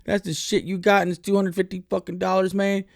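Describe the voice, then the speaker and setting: Brief: man voicing an aggressive tall man, shouting and swearing, raised high. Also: level tone, brisk, vocal fry, no echo, clean studio sound. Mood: yelling angrily. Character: loud angry tall man yelling in a parking lot.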